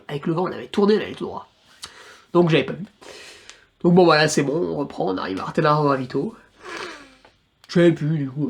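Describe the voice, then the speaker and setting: A man's voice: fairly high pitch, breathy edge. A young man, a trail runner, recounting his race in a casual, slangy and crude storytelling manner.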